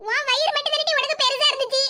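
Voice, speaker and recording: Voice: very high-pitched, little pitch movement, rapid-fire. A performer voicing a bitter, grumbling old mother in a cartoon, with a Tirunelveli Tamil accent and a scolding, self-pitying way of talking. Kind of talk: cartoon voice acting. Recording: loud background noise.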